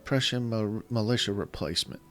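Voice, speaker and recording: With faint game music playing, a man runs commentary for his gaming channel while working through a strategy game. His fairly low voice carries a slight scratchiness from sickness and yelling, and his speech is halting and self-correcting as he restarts thoughts mid-sentence.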